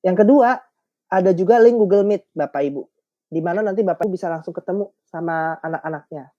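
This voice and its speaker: A man's voice: high voice, a little fast, mellow, no room sound, lo-fi sound. A man training teachers in an online webinar, chatty and joking as he walks the audience through each step.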